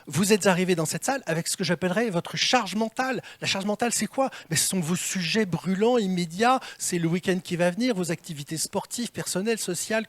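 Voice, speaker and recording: Lively male trainer, slightly high voice. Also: dry recording. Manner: lively, theatrical, asks the audience questions. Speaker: communication trainer. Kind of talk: live workshop talk to an audience. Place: meeting room with an audience. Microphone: handheld mic.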